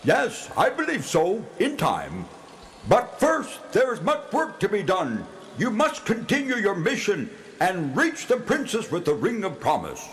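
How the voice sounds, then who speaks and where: A man's voice: high-pitched, wildly swooping pitch, a little slow, fairly bright tone, full character voice. A man playing a grand, kindly beast who was once a magistrate, with a theatrical cartoon bellow, in a children's audio drama. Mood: resolute. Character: former magistrate turned big cave beast, grand and kindly.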